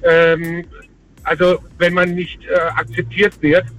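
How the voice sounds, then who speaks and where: A man's voice: high voice, flat delivery, slow pace, fairly bright tone, no echo, faint music behind. A man calling in to a radio show over a phone line from the road, talking hesitantly with many fillers. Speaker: radio call-in caller. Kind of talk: casual call-in chat.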